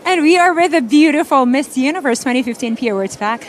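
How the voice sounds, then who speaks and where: A woman's voice: sits high, animated, a little fast. A woman co-hosting a red carpet with gushing, effusive, complimentary chatter.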